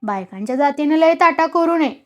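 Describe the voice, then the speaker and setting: A woman voicing a fierce, hot-headed village strongman, reading his lines loudly and with bluster in a told story. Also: high voice, animated, a little fast. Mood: menacing. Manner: loud, blustering threats.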